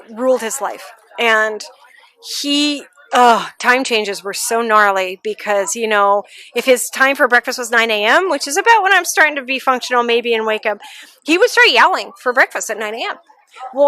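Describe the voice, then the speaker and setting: Animated woman, high bright voice, chatty storytelling, laughs a lot. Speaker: interviewee, pet owner. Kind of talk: casual storytelling interview. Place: outdoor adoption event.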